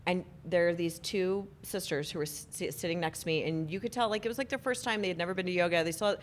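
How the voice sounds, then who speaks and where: A woman's voice: lowish voice, fast talker, a little hiss or hum. A woman co-hosting a podcast in casual chat, telling stories and laughing often. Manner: chatty, laughs often, storytelling. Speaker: podcast co-host.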